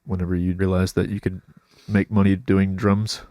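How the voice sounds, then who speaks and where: A man hosting a podcast in a studio, asking slow, thoughtful questions with fillers. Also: sits low, little pitch movement, darkish tone, no echo. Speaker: podcast host. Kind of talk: casual podcast interview.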